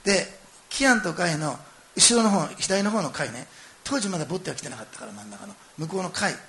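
A man's voice: sits high, quick pace, a little hiss or hum. A middle-aged man preaching a sermon, telling a story with animation and speaking straight to his listeners. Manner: animated storytelling, acting out quoted lines and addressing listeners directly. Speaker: pastor.

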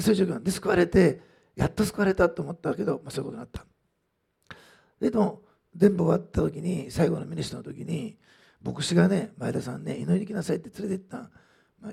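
Man in sermon mode, husky and gravelly, chatty asides, lively pitch. Pastor type. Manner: conversational, frequent "ね" asides, many fillers. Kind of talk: sermon with testimony.

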